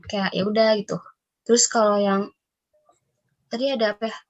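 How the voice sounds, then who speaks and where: A woman with an Indonesian accent hosts a casual podcast, reacting in a chatty, rambling way full of fillers. Her mid-range voice keeps a level tone at a moderate pace, and the recording is muffled.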